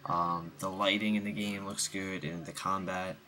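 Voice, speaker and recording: Deep, flat-voiced young man reviewing a game. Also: moderate pace. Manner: rambling, many ums and restarts, hiccups. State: hiccups. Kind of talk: casual unscripted game review voice-over.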